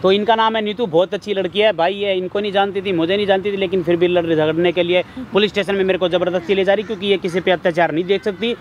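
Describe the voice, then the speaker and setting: Fast-talking man on a city street. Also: sits high, fairly even intonation, dull audio. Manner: pleading then defiant, fast talking. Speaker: prank video host. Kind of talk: hidden-camera social experiment. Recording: street noise behind.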